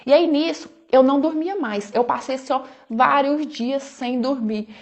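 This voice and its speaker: A woman's voice: high-pitched, moderate pace. A woman with a Brazilian Portuguese accent telling a personal story in a casual, chatty first-person storytime style, often tossing in conversational fillers. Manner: chatty, conversational, often adds "né" and "falou assim".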